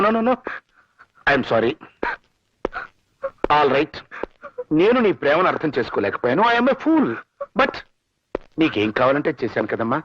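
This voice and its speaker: A sneering rich villain. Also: male voice, fairly high pitch, noisy background. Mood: pleading. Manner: mocking, sprinkles English words. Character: rich scheming older male villain. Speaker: villain in a film. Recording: dull film audio with music score.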